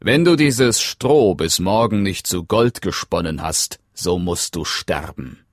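A man playing a greedy, commanding king who speaks slowly and in a stately manner. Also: low voice, expressive, no echo, studio quality, exaggerated voice. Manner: slow, stately, demanding.

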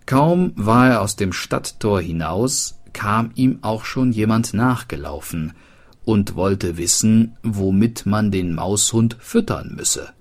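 Slow, low-voiced male storyteller. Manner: slow, expressive read-aloud narration. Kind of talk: storybook reading aloud.

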